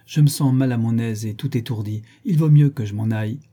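A man voicing an uneasy English gentleman who sounds strained and disgusted, in a storybook reading. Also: mid-range voice, a little fast, breathy edge, lightly acted. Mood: queasy.

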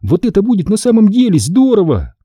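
A man doing a bold, bossy girl who brushes off worries and hurries others along, pitched high and lively. Under it the tone stays dark and husky. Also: brisk, no echo, studio quality, heavily acted. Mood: impatient. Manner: dismissive, impatient. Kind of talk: audiobook character voice.

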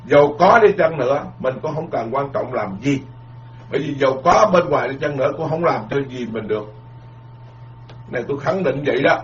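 A man's voice: medium pitch, animated, brisk, slight background noise. A man, a Buddhist monk giving a dharma lecture in a folksy, repetitive, emphatic way, full of proverbs. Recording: dull lo-fi lecture recording.

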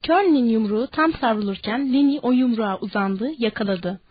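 A woman narrating an audiobook in a steady, measured reading. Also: a little high, breathy edge, muffled recording.

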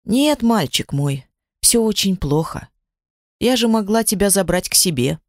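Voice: mid-range voice, expressive, measured pace, no room sound. A reader voicing an insistent, guilt-ridden grandmother in an audiobook, with a dry close sound. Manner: sharp, insistent.

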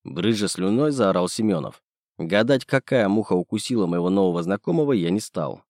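A man narrating a novel in the first person in a measured way. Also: sits low, lively intonation, a little mellow, dry recording, studio quality. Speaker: audiobook narrator.

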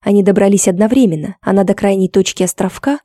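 A woman narrating an audiobook in a steady, tense storytelling manner. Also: mid-range voice, fast, no echo, studio quality. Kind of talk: scripted narration.

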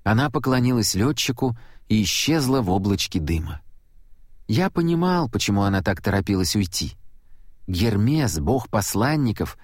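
A man reading an audiobook in first person with steady storytelling delivery. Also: on the low side, normal speed, dry recording, clean studio sound. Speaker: audiobook narrator.

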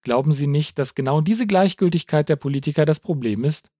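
A man's voice: on the high side, fairly quick, mellow, breathy edge, no room sound, clean studio sound. A man voicing a persistent woman reporter who asks pointed, challenging questions.

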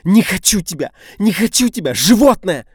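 A man voicing a young pregnant woman, frantic and tearful, with shrill desperate crying pleas. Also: big pitch swings, moderate pace, husky, dry recording, studio quality, exaggerated voice. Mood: screaming.

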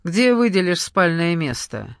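A man's voice: high voice, sing-song, creaky, fairly bright tone, no room sound, studio quality, full character voice. Reader voicing an eager, earnest young man. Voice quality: pleading, hurried. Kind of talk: audiobook character reading.

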